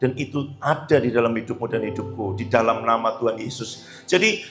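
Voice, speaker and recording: A male pastor from Indonesia reading scripture and preaching a church sermon, building to fervent shouted peaks. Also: mid-range voice, brisk, soft background music. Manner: reads scripture then preaches with rising fervor, shouting at peaks.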